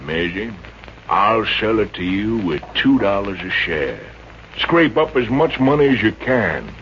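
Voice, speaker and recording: A man with a lowish, expressive voice speaks a little slowly as a boastful, folksy, middle-aged Texas oilman with a Texan drawl in a 1950s radio comedy. He sounds boastful and coaxing. The old radio recording is muffled and noisy.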